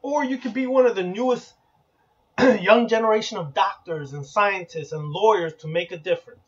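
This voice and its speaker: A man with a high-sitting voice, speaking at normal speed, hosts an occult channel. He delivers a blunt, emphatic preaching monologue that repeats slogans and is occasionally profane, captured on a dull lo-fi recording.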